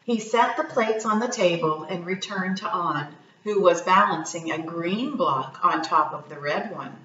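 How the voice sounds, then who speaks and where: A woman reading a children's story aloud, gently asking her young listeners questions. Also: on the low side, a little slow, reverberant, distant mic, highs cut off.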